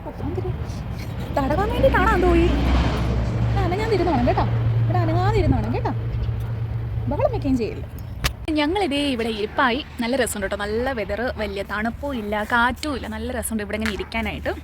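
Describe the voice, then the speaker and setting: Chatty high-voiced woman vlogger. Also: lively intonation, fast talker. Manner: chatty, coaxing, often cries out "ayyo". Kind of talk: casual vlog talk to a cat. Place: outdoors in a backyard garden. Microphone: phone held while filming. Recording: noisy outdoor phone recording.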